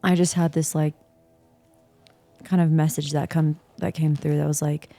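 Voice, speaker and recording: A woman's voice: low-pitched, little pitch movement, normal speed, gravelly, dark tone, faint music behind. A woman in a casual spiritual chat, speaking in a reflective, searching way with many fillers.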